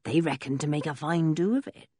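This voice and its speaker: A woman voicing an old male village blacksmith who tells a story slowly and in a rustic way, with a husky voice. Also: deep voice, mellow, dry recording, clean studio sound. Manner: slow, drawn-out, rustic storytelling. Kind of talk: audiobook character reading.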